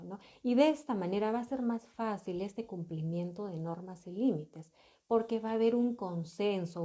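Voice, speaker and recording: A woman giving a calm, explanatory lesson to parents, often pausing with rhetorical questions. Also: mid-range voice. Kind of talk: educational talk to parents.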